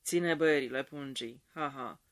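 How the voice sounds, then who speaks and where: A man voicing a blunt old gentleman with a hoarse, trembling voice. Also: medium pitch, close to an everyday voice. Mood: gruff. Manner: blunt, chuckling.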